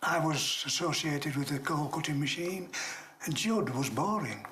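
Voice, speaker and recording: An older man, a retired coal miner telling mining stories in a halting, dialect-rich way. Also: a little high, animated, a little hiss or hum. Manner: halting, dialect-rich, acts out shouts in his tales. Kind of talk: casual reminiscing storytelling.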